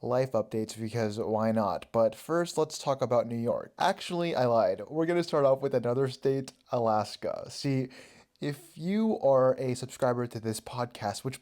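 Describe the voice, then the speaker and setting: A man's voice: mid-range voice, moderate pace, dark tone. Chatty young man hosting a podcast. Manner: chatty, rambling, self-mocking. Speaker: podcast host. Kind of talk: casual solo podcast chat.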